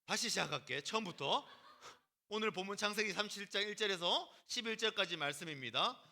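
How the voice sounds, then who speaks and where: A male pastor preaching a lively sermon to a youth group, teasing the students, calling on them by name and acting out what people say. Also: high voice, brisk, gravelly. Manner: animated, teasing, acts out quotes and calls on students by name.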